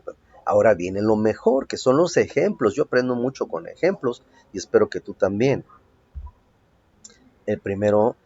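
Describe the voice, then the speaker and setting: A man's voice: lowish voice, darkish tone, slightly rough, dry recording. A man with a Mexican Spanish accent teaching an English lesson from home. He explains step by step and keeps checking in with "ok?". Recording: dull lo-fi home recording.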